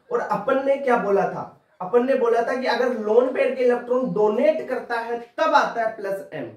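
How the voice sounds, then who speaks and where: A man's voice: very high-pitched, darkish tone. A man teaching chemistry for an exam, talking informally and repeating points over and over to drill them in. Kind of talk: exam-prep lecture. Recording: roomy classroom audio, mic at a distance.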